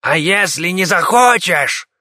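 A man playing a coarse, threatening village ringleader with a hoarse, cawing voice. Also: high-pitched, expressive, a little slow, sharp tone, no room sound, clean studio sound, pitched above the performer's own voice, full character voice. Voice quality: hoarse, crow-like. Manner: threatening and bullying.

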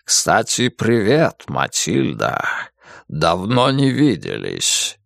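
A man voicing a laid-back, teasing male dragon in an audiobook, slow and mumbling. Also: on the low side, wildly swooping pitch, vocal fry, a bit bright, no room sound, clean studio sound, pitched below the performer's own voice, exaggerated voice.

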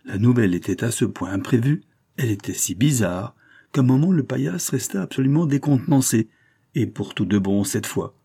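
Man, audiobook narrator, measured and dramatic, warm mellow voice. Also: medium pitch, expressive, vocal fry, slightly rough. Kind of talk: classic novel reading.

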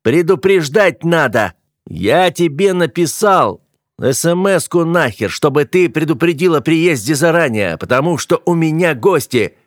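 Male narrator voicing a hot-headed young guy, yells crudely, pitched up. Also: moderate pace, dry recording, studio quality, natural voice. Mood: shouting. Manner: shouting, crude. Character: angry young man, hot-tempered brother.

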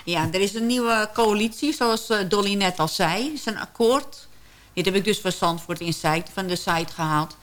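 A woman's voice: lowish voice, a bit bright. A woman radio host reading out local news, with hesitations and fillers.

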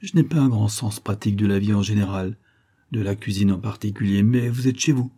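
A man's voice: fairly low pitch, fairly quick, mellow, breathy edge. A man voicing a wry, hard-up woman.

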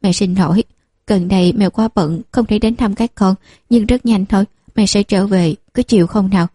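A woman's voice: medium pitch, moderate pace, mellow, breathy edge, no echo, studio quality, natural voice. A woman voicing a young mother who longs for her children and speaks in a choked, pleading way. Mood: tender.

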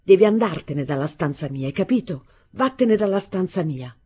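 A woman's voice: low voice, animated, moderate pace, slightly rough, heavily acted. A woman voicing a furious teenage boy. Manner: shouting insults, harsh and scornful.

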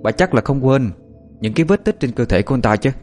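A man doing a cold, calm young schemer. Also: mid-range voice, fast talker, soft background music, pitched above the performer's own voice, natural voice.

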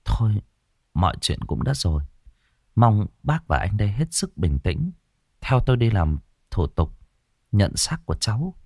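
A calm woman doctor delivers grave news in a gentle, measured way, as a man reads her part. The voice stays close to the storyteller's own, lively in pitch and dry. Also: no room sound. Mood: solemn.

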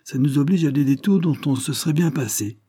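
A man voicing a gruff, suspicious male country peasant who talks in rough rustic speech. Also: on the high side, animated, fairly quick, warm tone, no room sound, clean studio sound, pitched above the performer's own voice. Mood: grumbling.

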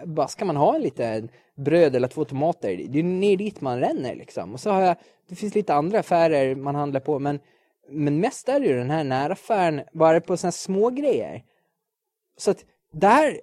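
Podcast host, man, late 20s, from Sweden: slightly high voice, dry close sound, nervy self-mocking rambler who stammers and repeats words. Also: dark tone, no room sound. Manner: jittery, self-described neurotic. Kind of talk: casual solo podcast monologue.

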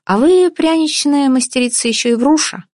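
A woman's voice: sits high, normal speed, a little mellow, dry recording, clean studio sound, voice pushed up, close to an everyday voice. A woman reading an audiobook, voicing a stern, officious man who runs a shopping mall. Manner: officious, prosecutorial, curt. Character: stern, pedantic male mall director.

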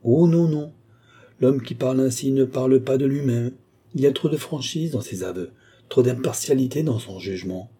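An eager young peasant lad, read by a man, pleads earnestly in a raised voice. The tone stays dark and mellow, with a husky edge. It is the voice of a classic novel read aloud. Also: mid-range voice, moderate pace, voice pushed up, lightly acted. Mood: insistent.

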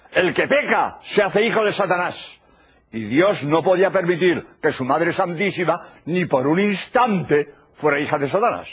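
A man's voice: high-pitched, slightly rough. An older man giving a religious lecture, emphatic and repeating his key phrases. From Spain. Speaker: preacher. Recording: dull lo-fi old tape recording.

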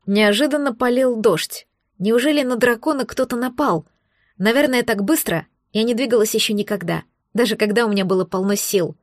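A woman narrating a first-person fantasy novel, steady and tense. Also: on the high side, a little fast, dry recording, clean studio sound. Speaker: audiobook narrator.

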